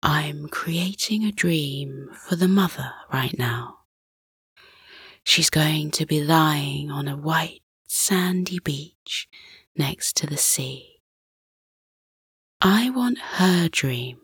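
A woman voicing a kindly male dream-maker father who speaks in a soft hushed whisper. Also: sits low, extremely slow, slightly rough, dry recording, studio quality, heavily acted.

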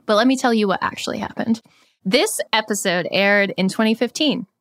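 A woman's voice: mid-range voice, fairly quick, fairly bright tone, no echo, clean studio sound. A woman hosting a casual podcast, recapping business stories with dramatic reveals. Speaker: podcast host.

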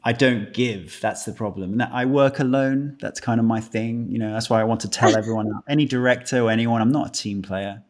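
A man's voice: fairly low pitch, steady tone, fairly quick, few pauses. A British man in his thirties, a guest actor chatting casually on a podcast, joking and mocking himself, often restarting his sentences. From Britain.

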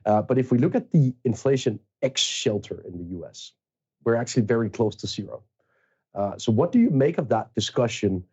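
Male interview host from Denmark with a dark, husky low voice and long, thoughtful questions. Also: expressive, a little fast, lo-fi sound. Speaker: podcast host.

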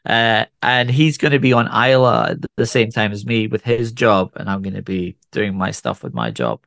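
A man in his forties from Scotland, with a faint Scottish accent, telling his story as an interview guest in a relaxed way with frequent restarts. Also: fairly low pitch, moderate pace, vocal fry, no room sound. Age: 40s. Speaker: whisky ambassador guest. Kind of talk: conversational interview.

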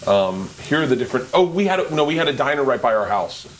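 A man's voice: medium pitch, sing-song, quick pace, a little hiss or hum. A man from Philadelphia hosting a casual chat, telling rambling stories and restarting his sentences. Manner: rambling storyteller, restarts often. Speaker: host.

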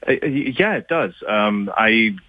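A man guesting on a radio show by phone, speaking haltingly and thoughtfully, with lots of fillers and restarts. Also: on the low side, lively intonation, no echo. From Pakistan, Libya and Saudi Arabia. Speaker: guest author. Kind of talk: phone-in interview. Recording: tinny phone line.

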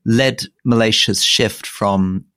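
Speaking slowly, a man in his sixties co-hosts a podcast and discusses political history, thoughtful and prone to digressions. His pitch lifts when he becomes animated. Studio-quality audio, with no room sound.

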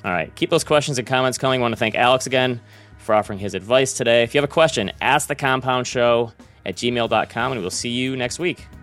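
A man's voice: mid-range voice, fast talker, fairly bright tone, soft background music. A man hosting a podcast in a casual, conversational style. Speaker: podcast host.

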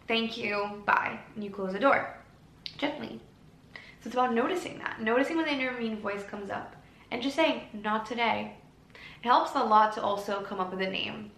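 A woman hosting a solo podcast, talking calmly and gently in an encouraging way. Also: a little high, a little fast. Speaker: podcast host. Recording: echoey room with faint ambient noise.

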